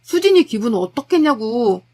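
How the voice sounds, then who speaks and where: A woman voicing an exasperated husband who argues bluntly and reproachfully, in her own high voice. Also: very animated, fairly quick, darkish tone. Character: exasperated husband arguing with family.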